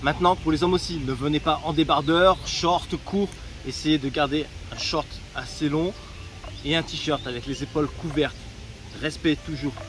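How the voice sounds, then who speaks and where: A man's voice: on the high side, steady tone, normal speed, fairly bright tone, slight background noise. A man giving casual travel advice in a vlog, chatty and direct with joking asides, recorded outdoors in a town. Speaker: travel vlogger.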